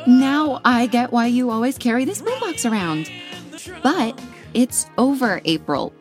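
A woman's voice: a little high, animated, faint music behind. A woman playing a blunt, bossy friend handing out tough love in a comedy audio drama. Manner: brisk, no-nonsense.

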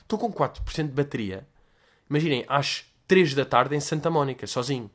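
A young adult man with a European Portuguese accent, telling stories as a podcast host in a slangy, animated way that gets louder when he is excited. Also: medium pitch, brisk. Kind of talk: casual storytelling monologue.

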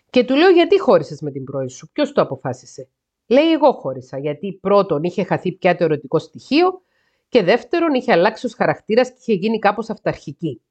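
Lively woman podcast host. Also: on the low side, lo-fi sound. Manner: sarcastic asides between read passages. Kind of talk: reading a listener's letter aloud with commentary.

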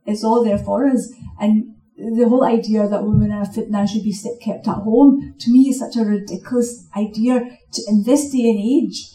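A woman's voice: mid-range voice, steady tone, moderate pace, warm tone. A woman on a panel speaking earnestly, building to rallying calls. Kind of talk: panel talk. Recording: distant voice in an echoey hall.

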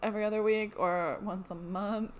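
A woman's voice: mid-range voice, fairly even intonation, normal speed, a little hiss or hum. A young woman co-hosting a casual podcast, talking in a dry, teasing way. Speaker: podcast co-host.

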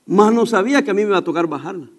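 A middle-aged man with a Mexican Spanish accent spins a casual anecdote, his voice sitting unusually high for a man. His delivery swings widely up and down as he acts out each character's lines. He laughs along with his own story. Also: rapid-fire. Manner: animated, acts out dialogue, laughs while telling.

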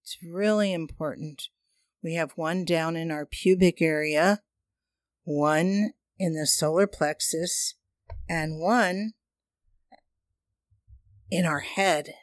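A meditation teacher speaks in the gentle manner of a mystical healer. The delivery is slow and spacious, broken into short phrases that leave time to breathe. The sound is dry, with little room around the voice. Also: medium pitch, steady tone, no room sound. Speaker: chakra meditation class teacher. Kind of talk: guided meditation and breathing instruction.

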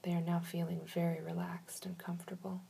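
Soft, breathy woman guiding relaxation. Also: fairly low pitch, monotone. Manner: soft, breathy, soothing, with long pauses. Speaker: guided relaxation instructor. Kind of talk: guided meditation, slow instructions.

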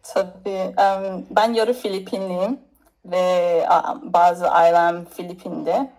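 A woman's voice: on the low side, level tone, slow, darkish tone, rough recording. Hesitant woman from Nigeria chatting. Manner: hesitant, searching for words in non-native Turkish. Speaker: interview guest. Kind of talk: casual interview chat.

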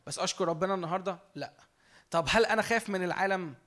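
A quick-talking Egyptian man preaching in a loose, conversational way, his voice sitting high. He is earnest, pressing his points hard and then dropping into a quiet, searching tone. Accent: Egyptian Arabic. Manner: earnest, shifts from emphatic preaching to quiet self-reflection. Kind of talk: conversational sermon.

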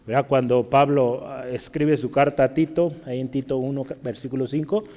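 A man teaching a Bible class in Spanish, checking in with his listeners and spelling out Greek words slowly. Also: medium pitch, steady tone, dark tone, long reverb tail. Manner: checks in with listeners, asking "¿verdad?" and "¿sí?".

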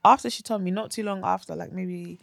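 A woman's voice: lowish voice, fairly even intonation, fairly quick, creaky, no room sound, studio quality. A young woman with a London accent chatting casually in a slangy, emphatic way. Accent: London, urban slang. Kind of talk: casual gossip and chat.

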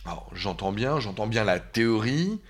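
A man hosting a podcast, asking measured questions and reformulating what his guest says. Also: on the low side, animated, slight background noise. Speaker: podcast host. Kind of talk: interviewer questions.

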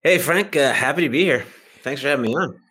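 Animated and fast, this man's mid-range voice sounds bright and forceful. A middle-aged or older fiction writer guesting on a podcast, he tells stories casually and makes fun of himself.

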